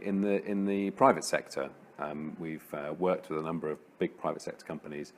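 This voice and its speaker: A man, chair of a social value network, giving an interview answer, halting with many ums and repeated words. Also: very deep voice, a little hiss or hum.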